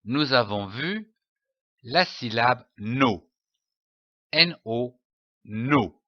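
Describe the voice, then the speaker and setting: Slow, carefully enunciating French man teaching phonics. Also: medium pitch, pushed and bright, dry recording, muffled recording. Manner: spells out letters and sounds syllables slowly and carefully. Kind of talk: slow phonics lesson for young children.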